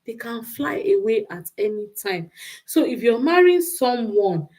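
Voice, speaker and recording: A livestream host with a Nigerian accent delivers relationship advice in an unscripted monologue. Her fairly high voice is very animated and a little mellow, moving at a measured pace. She speaks with emphasis and repeats phrases to stress them.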